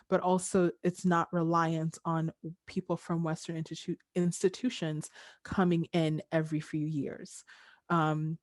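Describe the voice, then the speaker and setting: A young woman from Tanzania speaks low and level, with very little rise and fall. Her pace is thoughtful and earnest, broken by frequent ums as she reflects. The sound is dry and close, as on a video call. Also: a little mellow, no room sound. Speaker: panelist. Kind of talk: reflective panel discussion.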